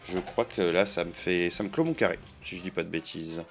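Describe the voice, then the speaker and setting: A man's voice: deep voice, a little fast, a bit bright, soft background music. A man giving chatty, playful commentary while opening trading card boosters, counting out cards and joking with his viewers. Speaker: card-opening video creator.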